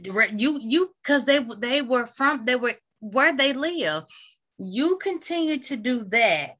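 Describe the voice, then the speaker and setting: A woman co-hosting a casual chat about a reality dating show, opinionated and animated, acting out what people said. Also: high-pitched, slow. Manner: animated, opinionated, acts out quotes.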